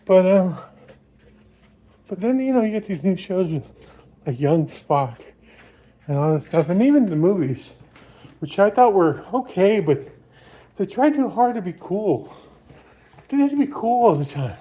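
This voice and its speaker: A man's voice: high voice, big pitch swings, unhurried, long pauses, warm tone. A man talking casually to his vlog while out on a run, rambling through his opinions in an informal way. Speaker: vlogger.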